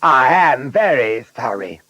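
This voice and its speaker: A man's voice: mid-range voice, animated, extremely slow, sharp tone, no echo, dull audio, voice pushed up, exaggerated voice. A man voicing a boastful, selfish male car in a storybook, brash and mocking. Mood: ashamed.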